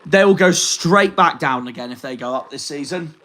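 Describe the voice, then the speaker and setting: A man's voice: a little high, normal speed, fairly bright tone, rough recording. A young man from the Plymouth area, ranting angrily and swearing through a post-match fan reaction video. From Plymouth area, England. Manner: angry, swearing, fuming rant. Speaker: football fan vlogger.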